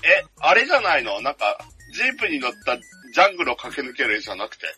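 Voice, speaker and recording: A man's voice: fairly high pitch, wildly swooping pitch, rapid-fire, pushed and bright, slightly rough. A man in a casual podcast chat over a video call, telling stories eagerly with jokey asides. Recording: video call with music behind.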